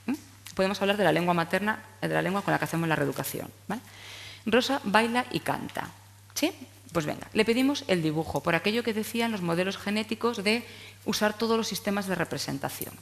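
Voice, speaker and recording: Speaking fast in a gravelly, mid-range voice, a woman walks teachers through speech therapy step by step. Her explanatory talk is full of tag questions like "¿vale?" and "¿eh?", and the conference hall adds a long reverb.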